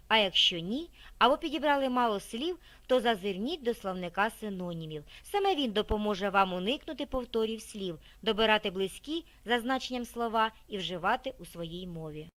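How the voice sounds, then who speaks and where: A woman with a mid-range voice narrates a scripted library video, reading expressively and at a measured pace. She pauses carefully between the words in each list.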